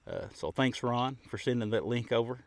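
A man's voice: mid-range voice, moderate pace. A middle-aged man hosting his shooting vlog, explaining step by step in a plain, easygoing way from a covered outdoor range bench. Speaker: shooting channel host. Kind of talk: casual instructional vlog.

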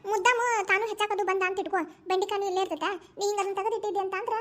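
With an extremely high pitch and a steady, fairly bright tone, a woman voice actor performs a fussy, doting cartoon grandmother and mother-in-law. She speaks fast in a North Karnataka Kannada accent, chiding one moment and coaxing the next.

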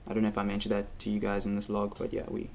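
A man's voice: lowish voice, completely flat delivery, rapid-fire. A young man chats straight into a camera held at arm's length. He rambles, restarts sentences and jokes around in a casual vlog style, with some music underneath. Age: young adult. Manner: rambling, self-interrupting, playful. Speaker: vlogger. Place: hotel room and outdoors, handheld. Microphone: camera mic at arm's length.

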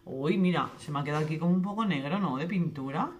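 A young woman vlogging casually from her home kitchen, talking quickly and cutting herself off mid-sentence. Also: low-pitched. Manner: fast, chatty, self-interrupting. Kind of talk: casual kitchen vlog chat. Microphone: camera on tripod.

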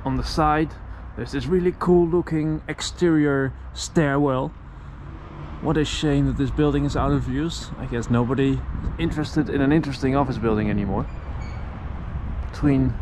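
A man's voice: medium pitch, noisy background. A man narrating a travel vlog in a curious, musing way while exploring a city outdoors. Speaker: travel vlogger.

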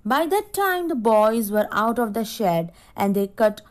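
Woman teacher, story reading for schoolchildren: slow, explanatory, fairly high voice. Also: big pitch swings. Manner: slow and explanatory, stops to define words for children. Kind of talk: reading a story aloud in an English lesson.

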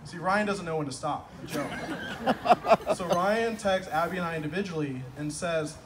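A man's voice: a little high, normal speed. Man giving a wry best-man toast outdoors. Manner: wry, self-deprecating storytelling, builds to punchlines. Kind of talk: humorous wedding speech. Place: outdoor garden wedding reception at night. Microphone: far camera across the lawn. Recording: distant phone video with ambient noise.

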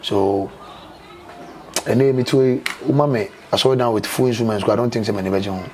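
A Ghanaian-accented man around his thirties is an interview guest in an animated conversation, speaking emphatically, often repeating himself, and switching between two languages. His fairly low voice is steady, fairly quick, and darkish in tone. The audio is poor, with clear background noise and ambient sound.

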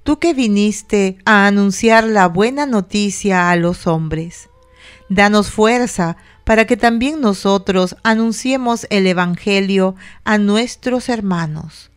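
Female prayer reader, medium pitch, slow and solemn, reciting liturgy in measured phrases. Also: clean tone. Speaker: prayer reader giving responses.

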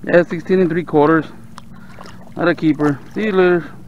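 A man with a South Texas accent giving relaxed running commentary while fishing from a kayak on open bay water, talking to the fish and his viewers. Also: on the high side, normal speed. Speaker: fishing vlogger. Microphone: action camera on the kayak. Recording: dull outdoor camera audio with faint water noise.

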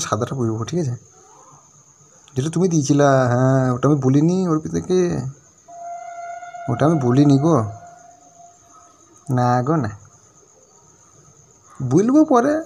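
A young man talking casually to his viewers, often asking for agreement, then speaking low and soft into a phone. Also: slight background noise. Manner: chatty, keeps asking "ঠিক আছে?". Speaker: prank video creator. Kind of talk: casual vlog and staged phone call.

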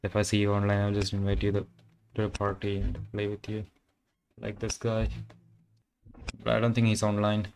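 On a game stream, a young Keralite with an Indian accent and Malayalam as his first language chats casually, heavy on fillers and loose phrasing. His lowish voice is completely flat and a little mellow, with vocal fry and long pauses at a normal speed. He records with a condenser mic.

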